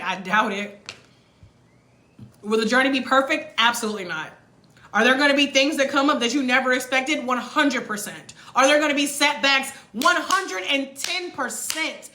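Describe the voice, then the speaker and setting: An American woman giving a motivational livestream talk, loud and sharp, blunt and emphatic, stretching key words for effect. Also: fairly high pitch. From United States. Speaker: livestream host coaching on moving abroad.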